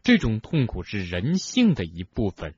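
Dumbledore, a soft-spoken old headmaster voiced by a man. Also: wildly swooping pitch, husky, dry recording, lo-fi sound, exaggerated voice. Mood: gentle. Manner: soft, low, slow and soothing. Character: old male headmaster, calm and gentle.

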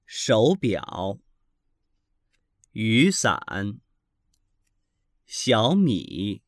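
A man reads pronunciation drills one word at a time, very slowly and deliberately. His voice moves widely in pitch to show each tone clearly. The sound is close and dry, with no room sound. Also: fairly bright tone, no echo. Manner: carefully enunciated, each syllable held apart. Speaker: language teacher reading drills. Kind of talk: slow textbook pronunciation drill reading.

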